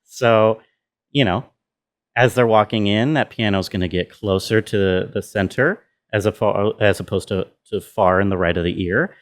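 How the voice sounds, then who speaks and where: A man with a lowish voice walks through sound design step by step at a moderate pace. He's a sound designer presenting an informal tutorial, often tossing in "you know" along the way.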